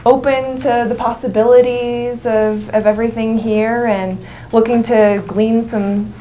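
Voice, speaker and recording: Young woman explaining haltingly, faint noise. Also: fairly high pitch, darkish tone. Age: young adult. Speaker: workshop co-facilitator. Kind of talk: informal explanatory talk to a group.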